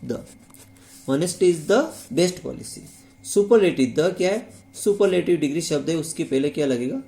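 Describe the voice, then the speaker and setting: A man's voice: fairly high pitch, lively intonation, measured pace, vocal fry, dark tone. A man teaching English grammar in a video lesson, speaking with a Hindi accent and repeating key words as he asks rhetorical questions. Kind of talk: classroom-style video lesson.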